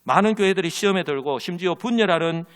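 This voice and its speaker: Speaking quickly in a high, slightly bright voice, this man delivers a sermon as pastor. His story features quoted characters, and he draws the congregation into call and response.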